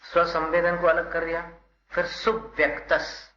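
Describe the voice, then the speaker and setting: A Jain monk teaching, leading call-and-response verse chanting and patiently correcting the students' pronunciation. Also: male voice, on the high side, normal speed. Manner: patient, instructive, stresses syllables. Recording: roomy, dull, loud background noise.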